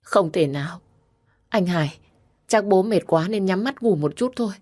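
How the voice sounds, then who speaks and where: A woman's voice: medium pitch, expressive, moderate pace, darkish tone, pitched above the performer's own voice, close to an everyday voice. A meek, devoted young daughter-in-law, voiced by a woman narrator, speaks in a raised, pleading voice. She belongs to a storybook reading. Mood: desperate. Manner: pleading, tearful in grief.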